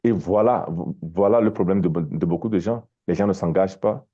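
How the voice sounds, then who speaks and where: Male life coach from Togo, deep voice, stumbles and repeats words, on a muffled video call. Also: dark tone, slightly rough. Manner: halting, repeats words often. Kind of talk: motivational talk on a live stream.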